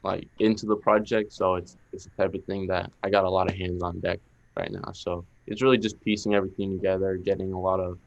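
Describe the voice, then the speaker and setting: A man's voice: sits low, flat delivery, a little fast, vocal fry, dull audio. A young man with a Boston accent, a rapper guest talking casually and rambling with lots of fillers. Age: young adult. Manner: laid-back, rambling with many fillers. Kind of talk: casual interview chat.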